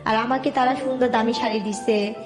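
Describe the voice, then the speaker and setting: Her pitch is on the high side and her intonation fairly even as she talks briskly. She's a young Bangladeshi adult with a Dhaka accent sharing her personal story in a detailed, colloquial way, her voice roomy over background music.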